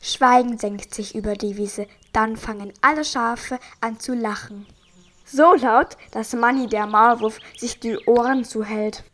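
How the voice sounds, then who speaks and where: A woman narrating a children's story in a calm, measured way. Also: on the high side, a little hiss or hum.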